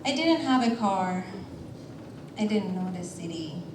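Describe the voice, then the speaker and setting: A woman from Iran telling a personal story on a theater stage in a measured way, with deliberate pauses. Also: medium pitch, expressive, background noise. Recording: roomy theater sound from a distance.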